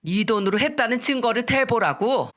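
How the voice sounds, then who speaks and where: Woman voicing a domineering mother-in-law, older, shouting, accusing, raised pitch, storybook reading. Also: expressive, moderate pace. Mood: furious.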